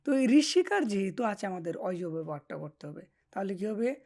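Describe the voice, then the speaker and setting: A woman's voice: mid-range voice, big pitch swings, fairly quick, warm tone. A woman teaching a grammar lesson, patiently repeating each form and checking that her students follow. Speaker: language teacher.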